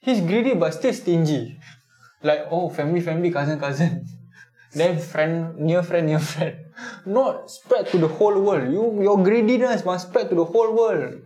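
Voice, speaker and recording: A man's voice: high-pitched, moderate pace, warm tone. A Singaporean man in a casual chat, speaking colloquial Singlish with lah and meh, explaining his opinions through rhetorical questions.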